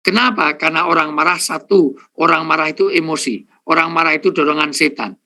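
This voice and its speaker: A middle-aged man, an Islamic preacher, jokes his way through a sermon for a live audience, speaking to them directly and counting off points. His fairly high voice is pushed and bright, and he talks a little fast.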